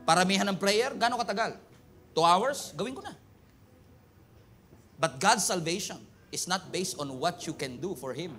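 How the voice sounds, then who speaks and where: A male pastor with a Filipino accent preaching an animated sermon, switching between Tagalog and English and mimicking voices for humor. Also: sits high, normal speed, long pauses, faint music behind.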